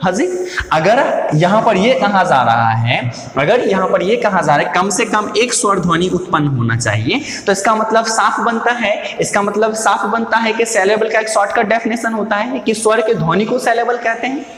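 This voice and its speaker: A man teaching a grammar lesson, posing questions to his students, answering them himself and repeating key words slowly. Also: high voice, fairly bright tone, a little hiss or hum. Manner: calls listeners "dear" and "my brother". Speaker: English teacher. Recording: echoey room with long reverb.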